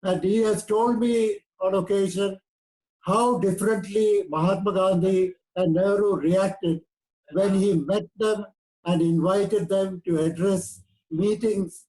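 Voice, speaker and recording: A man in his eighties with an Indian English accent, giving a measured, lecturing prepared talk. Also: sits high, steady tone, warm tone, rough recording. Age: 80s. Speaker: guest speaker.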